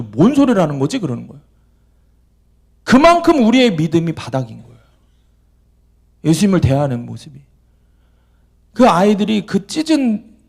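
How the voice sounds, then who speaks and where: A man's voice: high voice, vocal fry. A young man preaching a sermon as a junior pastor, telling a story and asking his listeners questions, acting out the voices of the people in it. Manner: animated, acts out quoted voices, asks the audience questions.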